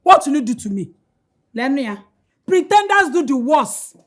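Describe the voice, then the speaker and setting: A woman's voice: high voice, sing-song, moderate pace. An actress playing a quarrelsome woman with a Nigerian accent who taunts and repeats her challenges. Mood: taunting. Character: quarrelsome woman picking a fight.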